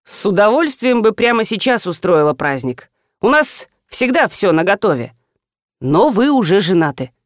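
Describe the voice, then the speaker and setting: A woman's voice: medium pitch, very animated, moderate pace, dry recording, studio quality, lightly acted. A woman reading the part of a formal, bureaucratic female registry official. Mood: polite. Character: stiff middle-aged female registry official.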